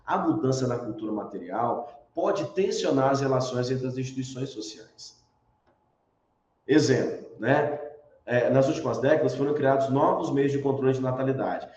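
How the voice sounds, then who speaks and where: Recorded in an echoey room with dull, lo-fi sound, a Brazilian-accented man delivers an online university lecture in a mid-range, slightly mellow voice. He explains as he goes, asks rhetorical questions he answers himself, and often tacks on tag questions.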